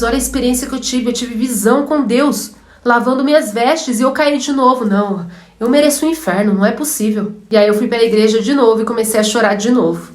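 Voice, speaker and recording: Young Brazilian woman minister, emphatic testimony, slightly high voice, roomy echo. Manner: emotional, emphatic, acts out quoted dialogue. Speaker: evangelical minister. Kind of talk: personal religious testimony.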